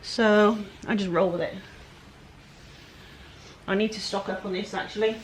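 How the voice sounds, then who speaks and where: In a medium-pitched, steady voice at an unhurried pace, a furniture flipper narrates her painting project for a DIY vlog. She has a West Country English accent, comes from the England-Wales border, and rambles in a chatty, self-deprecating way. A little hiss or hum is audible.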